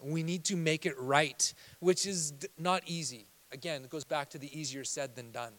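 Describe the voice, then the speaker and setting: A male pastor preaching a sermon in church, moving between quiet confessional passages and loud, fervent exhortation. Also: on the high side, normal speed.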